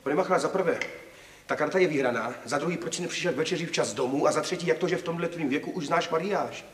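An actor playing a quick-tempered middle-aged husband and father who keeps demanding answers and lectures his family, in an old TV comedy. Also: on the high side, a crowd in the background, natural voice. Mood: lecturing. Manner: indignant, interrogating, lecturing. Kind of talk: 1970s TV comedy acting. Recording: echoey old TV soundtrack.

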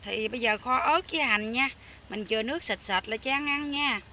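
Loud, bright Mekong Delta woman vlogger. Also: on the high side, fairly quick. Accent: Southern Vietnamese, Mekong Delta. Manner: loud, chatty, enthusiastic, talks over noisy kids. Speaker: cooking vlogger. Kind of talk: casual cooking vlog chat. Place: rural hut kitchen.

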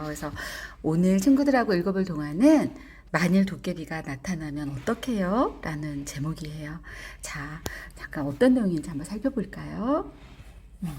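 A woman teacher leading a storybook lesson for small children, coaxing and animated. Her slightly husky voice rises and falls a great deal. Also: lowish voice.

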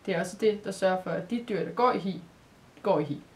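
A woman voicing a gentle, sad male creature who talks softly and patiently, as if explaining to a child. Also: mid-range voice, lightly acted. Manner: patient, explaining, soft-spoken.

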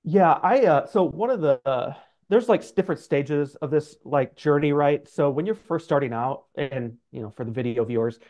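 A middle-aged financial adviser, appearing as an interview guest over a video call from an indoor office, explains things informally and hedges constantly with "like" and "sort of." His voice is on the high side and a little mellow at a moderate pace, and the audio sounds dull.

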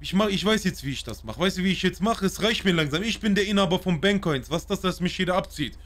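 A man's voice: sits high, expressive, fast, fairly bright tone. A man streaming a role-play live, talking in character in a brash, boastful, slangy way.

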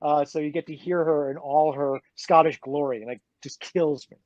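A man's voice: fairly high pitch, steady tone, normal speed, a little mellow, dry recording, dull audio. A man, a graphic novel author, chatting casually with many restarts and laughs. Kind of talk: casual conversation.

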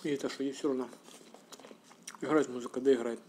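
A middle-aged man chatting casually while eating, talking with his mouth full and chewing, reminiscing in a relaxed way. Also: mid-range voice, quick pace, slight background noise. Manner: relaxed, reminiscing, drifting to a whisper. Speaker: mukbang vlogger.

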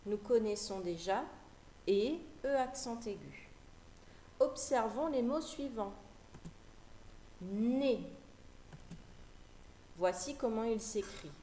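Woman, teacher, children's phonics lesson, slow, carefully articulated, repeats words, roomy echo. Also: a little high, lively intonation, dark tone, a little hiss or hum. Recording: echoey room with faint ambience.

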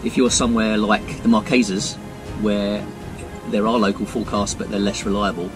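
Older man, low pitch, measured, casual interview, boat cockpit, background music. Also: little pitch movement, low-quality recording. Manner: measured, practical, with filler pauses. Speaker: interviewed sailor. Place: boat cockpit under canopy, outdoors.

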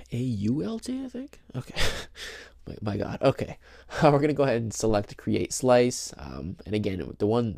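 Here a young man hosts a relaxed phone walkthrough at a table, recorded by a camera mic behind the handheld device. His voice is low, a little gravelly and darkish, and he explains plainly, chatting with fillers and little laughs at himself. There's no room echo; the sound is dry.

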